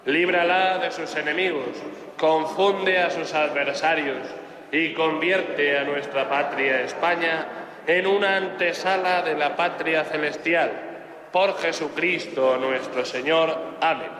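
Casting: man as Mass celebrant, Castilian Spanish, measured solemn prayer, fairly high pitch, very echoey church acoustic. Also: steady tone, crowd noise. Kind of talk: liturgical prayer and blessing. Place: large echoing parish church. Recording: echoey church with long reverb.

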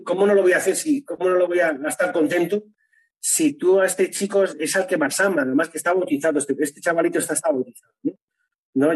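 Husky-voiced man, earnest. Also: fairly high pitch, poor audio. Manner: earnest, tags phrases with "¿no?". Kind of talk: interview, faith testimony.

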